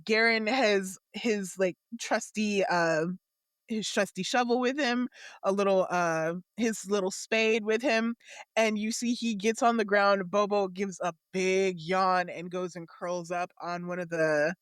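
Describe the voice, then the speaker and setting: A woman playing a tabletop game, describing her character's actions in long, animated run-on sentences. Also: mid-range voice, unhurried, clear, resonant tone, dry recording, clean studio sound. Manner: animated, laughing often, run-on storytelling. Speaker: player.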